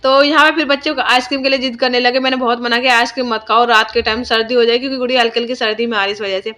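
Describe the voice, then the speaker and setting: A woman's voice: fairly high pitch, steady tone, racing, bright, forceful tone. A young woman vlogger, narrating her day in a chatty, homely way with lots of fillers. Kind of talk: casual vlog voice-over narration.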